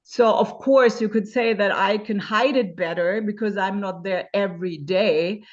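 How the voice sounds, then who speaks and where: Speaking at a measured pace in a mid-range voice, with the high frequencies cut off, a woman in her fifties from Germany is a webinar interview guest who talks candidly about her experience, often pausing on fillers as she looks for words.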